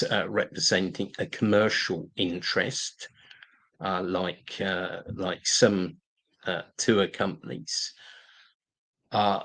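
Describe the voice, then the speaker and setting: A man's voice: low-pitched, fairly bright tone. A man with a London accent hosting a livestream, talking with many hesitations and restarts as he answers viewer questions. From England. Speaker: livestream host.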